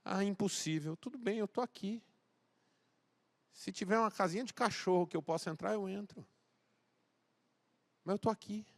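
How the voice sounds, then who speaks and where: With a high voice at normal speed and frequent pauses, a Brazilian pastor delivers a sermon. He alternates loud exhortation with quiet closeness and acts out dialogue while storytelling.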